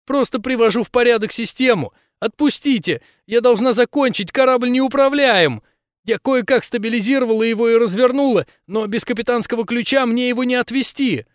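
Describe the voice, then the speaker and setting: A man voicing a frightened young woman hacker who pleads in a rapid, tearful way. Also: high-pitched, expressive, no echo, studio quality, voice pushed up. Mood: desperate.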